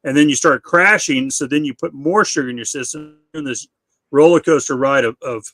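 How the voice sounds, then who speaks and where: A man's voice: a little high, a little fast, a bit bright, dry recording. A middle-aged man hosting a live Q&A, chatting casually and often repeating or restarting his words. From United States. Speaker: live stream host.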